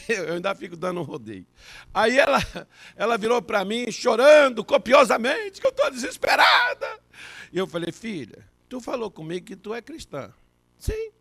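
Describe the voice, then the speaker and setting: A man preaching a sermon as pastor, telling a counseling story and building to loud, fervent peaks. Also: sits high, gravelly, no room sound. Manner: acts out both sides of a counseling story.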